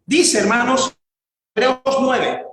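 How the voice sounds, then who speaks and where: A man preaching a sermon as pastor, fervent, building to raised, drawn-out exclamations. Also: very high-pitched, steady tone, fairly bright tone, slight background noise. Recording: very echoey church hall.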